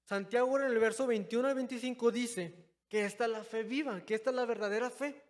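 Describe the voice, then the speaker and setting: A young man preaching a sermon in a church, calling his listeners brothers and moving between loud, stressed phrases and quiet, low asides. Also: a little fast. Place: church hall. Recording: long hall reverb.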